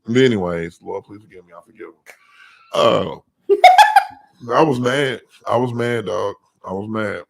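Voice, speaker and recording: A man hosting a casual talk show, telling animated stories in an easygoing chat. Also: lowish voice, vocal fry. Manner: animated storytelling, drawn-out complaints. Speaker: podcast host.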